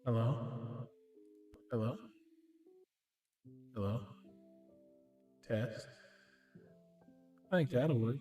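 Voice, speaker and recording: A man in casual in-game voice chat, mumbling softly with an echo effect on his voice. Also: mid-range voice, drawn-out words, long pauses, faint music behind. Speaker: roleplayer in a game.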